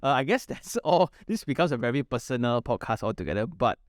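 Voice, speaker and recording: A man's voice: medium pitch, expressive, brisk, no room sound, studio quality. A man with a Malaysian accent hosts a casual podcast chat, talking in colloquial English full of local particles and slang. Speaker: podcast host.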